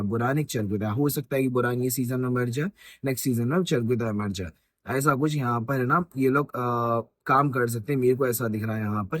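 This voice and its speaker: A man's voice: medium pitch, no echo, studio quality. A man casually breaking down a TV trailer, rambling and correcting himself with many fillers. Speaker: YouTube host.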